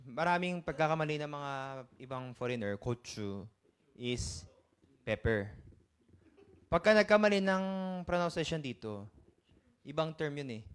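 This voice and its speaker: Man teaching vocabulary, casual and chatty. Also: a little high. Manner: explains terms in mixed Tagalog and English, asks learners questions. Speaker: Korean language teacher. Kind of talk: casual online language lesson.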